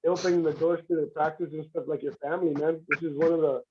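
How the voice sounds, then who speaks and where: With a crowd audible behind him, a fast-talking man with a steady, somewhat high voice chats casually on a livestream. As an armwrestling competitor guest, he describes his start in armwrestling, restarting often and filling gaps, over dull lo-fi audio.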